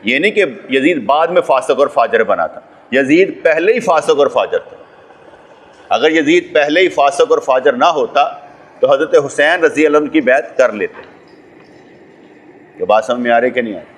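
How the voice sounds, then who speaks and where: A man's voice: medium pitch, expressive, normal speed. A man from Pakistan with a Pakistani Urdu accent, giving a sermon as a religious scholar. He preaches and climbs to emphatic peaks, throwing rhetorical questions at his listeners. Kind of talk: sermon lecture.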